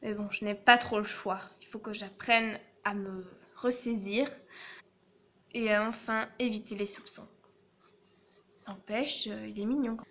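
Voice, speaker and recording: Une jeune femme qui mène l'enquête et livre un monologue intérieur, d'une voix douce, feutrée et songeuse. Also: female voice, medium pitch, steady tone, unhurried. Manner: soft, hushed, musing. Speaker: amateur detective heroine. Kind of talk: inner monologue narration.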